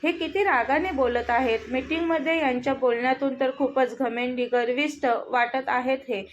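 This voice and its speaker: A woman voicing the inner thoughts of a timid young bride, quiet and hurt. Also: high voice, steady tone, moderate pace, slight background noise, close to an everyday voice. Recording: dull lo-fi audio.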